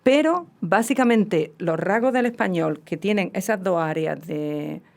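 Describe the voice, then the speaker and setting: A woman's voice: lowish voice, expressive, measured pace, vocal fry, a little mellow. A woman with a southern Spanish accent, a guest linguist explaining in a radio conversation, lecturing with many restarts and tag questions.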